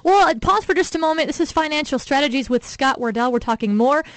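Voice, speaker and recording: Quick-talking female radio co-host. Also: high voice, animated, no room sound. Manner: brisk, scripted segues. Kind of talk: radio hosting.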